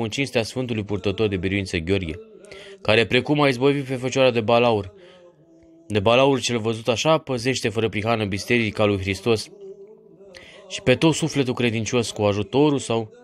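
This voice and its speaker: A man giving a solemn, measured devotional reading of a saint's legend. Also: medium pitch. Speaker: reader of a saint's life.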